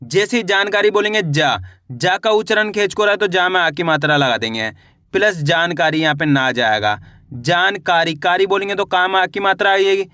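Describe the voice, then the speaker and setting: A man teaching children to read, who sounds out each syllable slowly and then answers his own questions. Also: sits high, expressive, pushed and bright, dry recording. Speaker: Hindi reading teacher. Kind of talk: spelling lesson.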